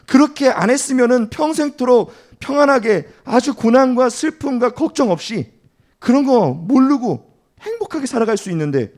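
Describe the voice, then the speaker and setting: A male pastor preaching a sermon, acting out quoted voices in an animated delivery. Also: high voice. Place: church.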